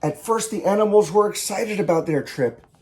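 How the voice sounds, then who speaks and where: A man, a children's author, reading a picture book aloud in an animated, theatrical and emphatic way. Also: high-pitched, moderate pace, a little hiss or hum. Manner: theatrical, emphatic, with varied delivery.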